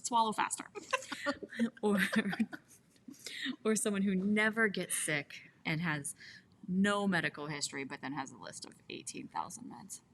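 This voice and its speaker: A woman's voice: lowish voice, animated, measured pace, vocal fry, long pauses, fairly bright tone, a little hiss or hum. A woman who works as an ER nurse, co-hosting a casual podcast, reading out questions and answering bluntly with jokes. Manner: blunt, joking, asks the questions. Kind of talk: casual chat.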